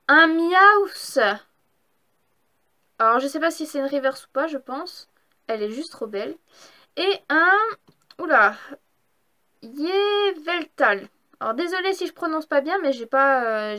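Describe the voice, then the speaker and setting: A woman's voice: high voice, sharp tone. A young woman chatting casually as she opens trading card packs, enthusiastic and gushing over each card. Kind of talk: casual unboxing vlog.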